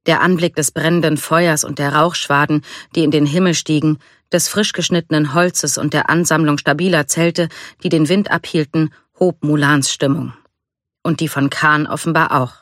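Calm storybook narrator, dry close sound. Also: mid-range voice, dry recording. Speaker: storybook reader. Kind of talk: scripted narration.

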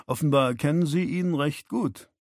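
A man voicing a wry, quick-witted adult man in an audiobook, dry and ironic. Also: a little high, a little mellow, dry recording, pitched above the performer's own voice, close to an everyday voice.

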